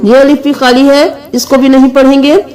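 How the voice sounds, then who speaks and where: A woman's voice: high-pitched, flat delivery, darkish tone. A woman teaching Quran recitation, patiently spelling out letters and vowel marks one by one. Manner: slow, patient letter-by-letter explanation, with sung recitation between. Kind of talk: tajweed lesson, spelling out letters.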